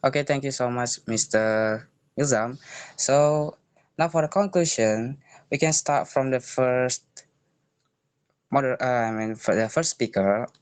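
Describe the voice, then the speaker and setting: A man's voice: mid-range voice, unhurried, clear, resonant tone. A man moderating a student video call politely, with lots of fillers. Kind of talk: moderating an online presentation.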